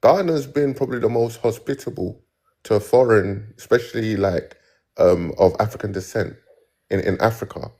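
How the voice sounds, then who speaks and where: Stumbling low-voiced man. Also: warm tone. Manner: rushed, stumbling. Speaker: caller. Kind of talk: live-stream debate.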